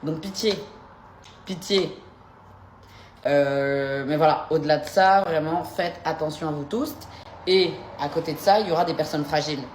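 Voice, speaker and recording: Low-voiced woman ranting to her viewers. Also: moderate pace, a little mellow, slight background noise. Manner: impassioned, militant ranting to viewers. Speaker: content creator. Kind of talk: commentary vlog.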